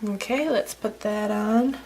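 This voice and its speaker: A woman's voice: mid-range voice, takes it slowly. A woman giving a casual, chatty card-making tutorial with plenty of fillers, a slight frog in her throat. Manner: chatty, relaxed, many fillers. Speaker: stamping craft demonstrator.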